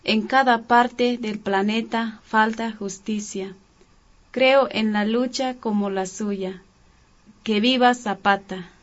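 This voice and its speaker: A woman's voice: on the high side, fairly even intonation, slow. A woman from Italy delivers a prepared greeting as a radio listener. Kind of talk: prepared spoken message. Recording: dull lo-fi radio sound.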